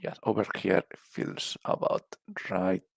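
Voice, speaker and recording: A man's voice: low voice, flat delivery, slow pace, vocal fry, dry recording. A man from Spain with a Spanish accent, casually rambling through a character tier list and often trailing off mid-thought. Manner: rambling, casual, swears, trails off while thinking. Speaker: video creator ranking game characters.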